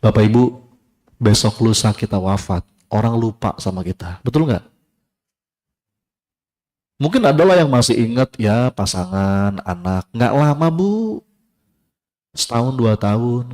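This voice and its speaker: A man giving a casual sermon to a live audience, lively, acting out voices in his story and repeating key phrases. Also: mid-range voice, moderate pace, long pauses. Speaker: preacher.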